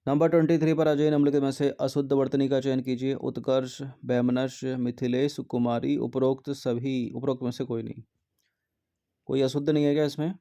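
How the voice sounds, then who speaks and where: A man with a warm, mellow voice works through grammar exam questions one at a time. He reads each option aloud, then checks them methodically and corrects the wrong ones in a steady teaching tone. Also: mid-range voice, brisk.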